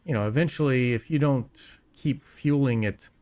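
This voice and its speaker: A man's voice: mid-range voice, moderate pace, darkish tone. A man talking as a panelist in a casual fan chat, rambling, restarting sentences, and joking as he goes.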